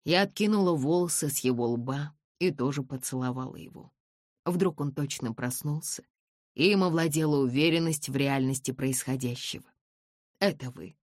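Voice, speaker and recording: A calm audiobook narrator telling a classic novel in the first person, with a measured, even delivery. The voice sits at a middle pitch. It is recorded dry and close, with no room sound. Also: no echo. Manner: calm, measured storytelling, softer in the heroine's replies.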